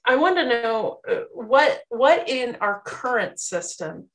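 A woman's voice: on the high side, expressive, takes it slowly, a bit bright, poor audio. A middle-aged woman moderating a video call, asking a reflective question with thoughtful hesitations. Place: bedroom at home. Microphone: webcam on a video call.

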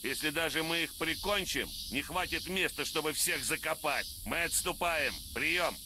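Soldier scout on a crackling field radio: clipped and terse, bright, edgy timbre. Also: male voice, fairly high pitch, normal speed. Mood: tense. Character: male soldier scout reporting enemy over radio. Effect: military field radio transmission. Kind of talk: dubbed video game dialogue.

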